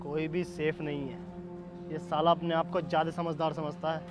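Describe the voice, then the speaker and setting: A man's voice: fairly high pitch, level tone, normal speed, natural voice. A man playing a hot-tempered police officer in a comedy skit, crude, insulting and bossy. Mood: stern. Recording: clear background music.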